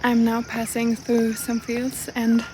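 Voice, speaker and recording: Young woman, chatty travel vlogger recorded outdoors on a trail, slightly high voice, audible outdoor noise. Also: completely flat delivery, slow pace. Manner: chatty, laughs often. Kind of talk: casual vlog narration while hiking.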